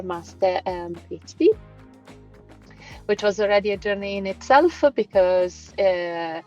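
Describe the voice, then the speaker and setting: A woman in her forties from Rome with a light Italian accent, a guest telling her career story in an interview, pausing often with fillers. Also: lowish voice, muffled recording. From Italy, Rome. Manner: thoughtful, many fillers and pauses. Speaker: guest scientist. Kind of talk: conversational interview.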